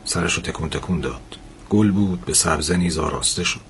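A man narrating a novel in a steady, measured audiobook reading. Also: low voice, a little hiss or hum.

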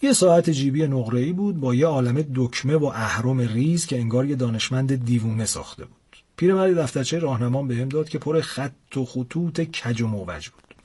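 A young man narrates a comic first-person adventure in a casual, lively way. His voice sits at middle pitch. It has a husky grain. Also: few pauses. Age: young adult.

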